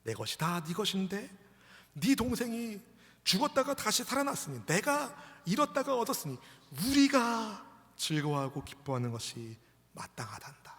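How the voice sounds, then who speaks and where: A man voicing a tender, forgiving old father who speaks to his son in a gentle, coaxing way. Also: high voice, sing-song, normal speed, pitched above the performer's own voice. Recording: echoey church hall.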